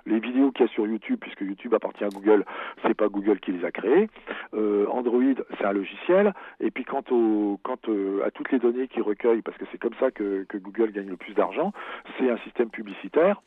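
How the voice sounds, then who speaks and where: A man's voice: fairly low pitch, a little fast, dry recording. Hesitant man on a tinny radio line. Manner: hesitant, many fillers, emphatic. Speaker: author guest. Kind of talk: radio interview. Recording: husky, phone-like radio sound.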